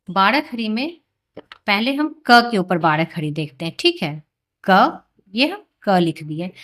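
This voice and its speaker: Slow, bright-voiced woman teaching letters. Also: medium pitch. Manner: slow, patient, drawn-out syllables, raises voice when reciting letters. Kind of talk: Hindi alphabet lesson for children.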